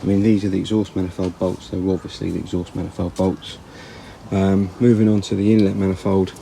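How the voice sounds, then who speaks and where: A man's voice: deep voice, little pitch movement, fairly quick, creaky, warm tone, a little hiss or hum, poor audio. A man casually talking through an engine strip-down outdoors, rambling and plain-spoken, correcting himself as he goes. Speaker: car repair vlogger. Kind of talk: casual workshop commentary. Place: outdoors in a yard.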